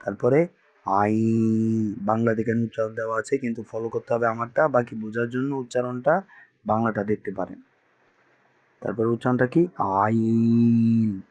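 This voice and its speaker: A man's voice: fairly low pitch, fairly even intonation, moderate pace, long pauses, dull audio. A man teaching Quran reading to beginners, patiently repeating each letter sound for learners to echo. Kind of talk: teaching Arabic letters with call-and-response drills.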